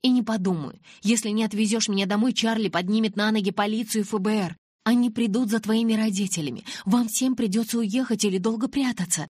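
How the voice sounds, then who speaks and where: Brief: female reader doing a frantic teenage girl, low husky voice, storybook audiobook. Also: a little fast, no room sound, studio quality. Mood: pleading. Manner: pleading, rising to shouts. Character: frightened desperate teenage girl.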